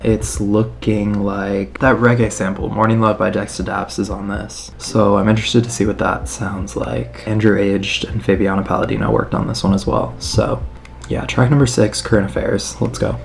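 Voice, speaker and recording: A man giving casual, excitable reaction commentary on an album, emphatic and swearing freely. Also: on the low side, moderate pace, gravelly, a little hiss or hum. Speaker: music reaction host. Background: faint music playing.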